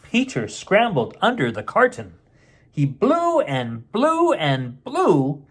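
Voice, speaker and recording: Here a middle-aged storyteller who hosts a bedtime story show reads from a picture book, breaking off for playful, chatty remarks to children. He speaks slowly in a high voice with huge swings in pitch.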